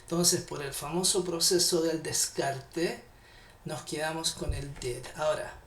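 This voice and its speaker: A man with a Chilean accent, teaching an English lesson, speaking patiently and deliberately to his learners. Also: fairly high pitch, fairly even intonation, fairly bright tone, echoey room. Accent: Chilean Spanish. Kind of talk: classroom lesson explanation.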